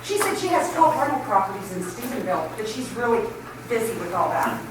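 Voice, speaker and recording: Speaking a little fast in a sing-song, fairly high voice, a woman resident rambles through public comment at a council meeting, apologizing as she loses her thread. The council chamber recording is echoey, noisy, and far from the microphone.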